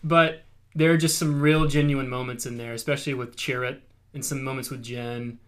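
Bright-voiced man chatting earnestly. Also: mid-range voice, flat delivery, moderate pace, clear, resonant tone. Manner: earnest, trails off and restarts, jokes with co-hosts. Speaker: podcast co-host. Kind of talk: casual chat.

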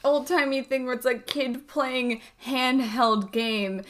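A woman's voice: high voice, fairly even intonation, slow. A woman co-hosting a casual podcast chat, chatty, drifting into rambling asides. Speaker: podcast co-host. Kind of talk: casual chat about a cartoon.

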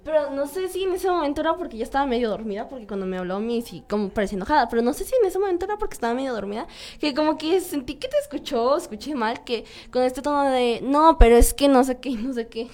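Teen girl chatting, high voice, acts out what her mom said. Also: fast talker, hardly any pauses. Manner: animated storytelling, acting out quoted voices. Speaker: guest. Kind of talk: casual chat.

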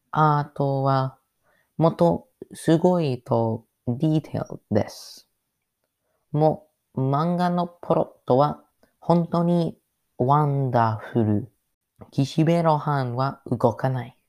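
Very slow-talking man, halting learner's speech. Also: a little high, darkish tone. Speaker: podcast host. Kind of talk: solo podcast monologue.

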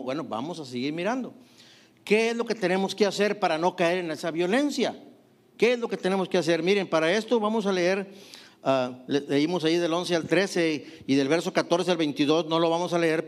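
Middle-aged man, pastor, somewhat high voice, sermon full of questions and amens. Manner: preaching with rhetorical questions and frequent "hermanos" and "amén".

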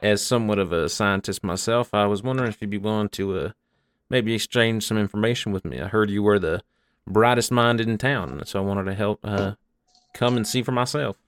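A man's voice: on the low side, a little fast, smooth, dry recording, close to an everyday voice. Deferential young scholar, eager and formal, played by a male player; dry, close sound. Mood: polite. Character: polite young male self-taught scholar.

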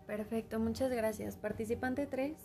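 A woman hosting and presenting a scripted educational talk, speaking clearly and instructively to young viewers. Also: a little high, fairly even intonation, normal speed, over music. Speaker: host.

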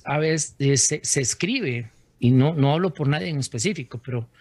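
A man's voice: on the high side, dry recording. A man, an author telling his faith story as an interview guest, earnest, with many restarts.

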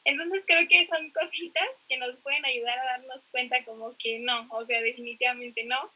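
High, bright woman. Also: normal speed, husky, low-quality recording. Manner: chatty, expressive, laughs easily. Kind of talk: casual faith-based podcast talk.

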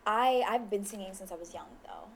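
Woman, casual playful interview chat, normal pitch, bit of noise in the background. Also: fairly quick. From Queens, New York. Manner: informal, playful, frequent "like". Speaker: interview guest, musician.

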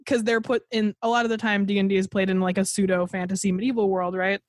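Young woman podcast host, chatty and giggly, mid-range voice, dry close mic, lively storytelling between laughs. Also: mid-range voice, fast, dry recording. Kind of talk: casual podcast chat.

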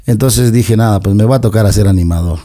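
A man's voice: on the low side, fast, mellow. A middle-aged man from Latin America, a podcast guest telling stories in casual chat and acting out the quoted lines. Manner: chatty, acts out quoted dialogue. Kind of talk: casual storytelling.

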